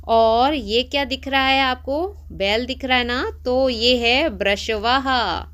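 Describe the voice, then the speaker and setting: A woman's voice: a little high, sharp tone. A woman teaching a Sanskrit lesson to schoolchildren in speech, asking them to repeat words after her. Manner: coaxing, asks pupils to repeat after her.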